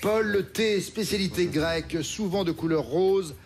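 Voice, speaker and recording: A man hosting a TV quiz show in a studio, reading questions briskly and crisply. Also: sits high, over music.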